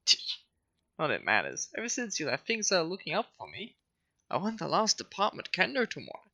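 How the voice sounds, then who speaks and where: Man doing a snobby, gravelly rival cop. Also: a little high, wildly swooping pitch, a little fast, pitched above the performer's own voice, full character voice. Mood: sneering. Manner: taunting, sneering, loud. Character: smug, snobby rival police officer, male.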